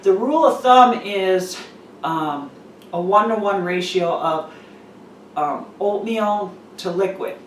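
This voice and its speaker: A woman's voice: mid-range voice, takes it slowly. A middle-aged woman hosting a casual, easygoing recipe demonstration in an echoey home kitchen. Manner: easygoing, informal. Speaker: cooking video host. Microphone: camera mic from a distance. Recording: echoey kitchen, distant mic, background noise.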